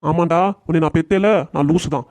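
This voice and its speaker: திருநெல்வேலி வட்டார வழக்கில், மனைவியைக் கடுமையாகத் திட்டும் வயதான தாத்தாவாக ஒரு ஆண் குரல் கொடுக்கும் cartoon. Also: male voice, a little high, steady tone, brisk, a little mellow, lightly acted. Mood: bitter. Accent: Tirunelveli Tamil. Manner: gruff, scolding. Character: blunt older grandfather scolding his wife.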